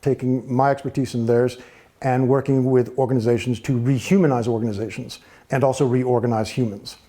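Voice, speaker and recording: A man from the United States with an American accent, a guest in a studio interview, talking in a thoughtful, measured way with frequent fillers. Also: mid-range voice, steady tone, mellow. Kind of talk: relaxed interview talk.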